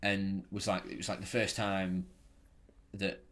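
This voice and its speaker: A man's voice: low-pitched, little pitch movement, a little slow, a bit bright. A young man co-hosting a podcast, chatting casually and agreeably, often restarting his sentences. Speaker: podcast co-host. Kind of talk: casual chat.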